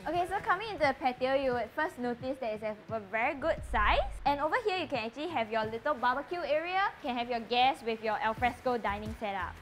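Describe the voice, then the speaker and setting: High-pitched, quick Singaporean woman presenter. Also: expressive. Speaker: property agent presenting a home tour. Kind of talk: scripted presentation to camera. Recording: light music bed behind voice.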